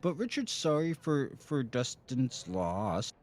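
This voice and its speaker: A woman's voice: extremely low pitch, sing-song, takes it slowly, a little mellow, full character voice. A woman playing a naive, eager simpleton man with a childlike, stammering way of talking in an improvised role-play. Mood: sad, sympathetic. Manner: childlike, speaks of self in third person, stammers. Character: naive, eager simpleton man who calls himself by name.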